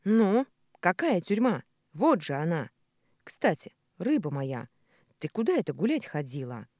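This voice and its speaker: Gruff hot-headed young man, woman reading. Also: lowish voice, very animated, unhurried, darkish tone, dry recording, clean studio sound, pitched above the performer's own voice. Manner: gruff, blunt, grumbling. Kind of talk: audiobook character voice.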